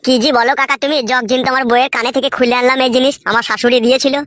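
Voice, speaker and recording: A woman playing a rough young village husband in a comic skit, swearing and talking crudely. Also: high-pitched, little pitch movement, very fast, a bit bright, no room sound, studio quality. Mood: wheedling.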